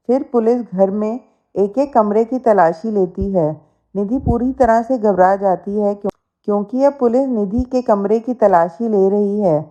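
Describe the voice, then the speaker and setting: A woman telling a family story as narrator, in a steady, plain storytelling manner. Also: medium pitch. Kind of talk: scripted narration. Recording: dull lo-fi recording.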